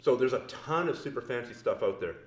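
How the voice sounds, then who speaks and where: In a training mat room with roomy acoustics, a grappling instructor with a mid-range voice talks briskly and animatedly. He gives an instructional demonstration, joking casually and explaining each step as he works on a partner.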